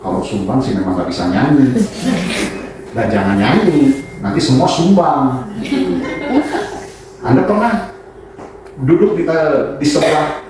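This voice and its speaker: A male pastor preaching a sermon in an animated, joking way, sometimes acting out the voices of the people he quotes. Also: mid-range voice, measured pace, pauses often, distant mic. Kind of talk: sermon with anecdotes. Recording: echoey room, voice from afar, audible background noise.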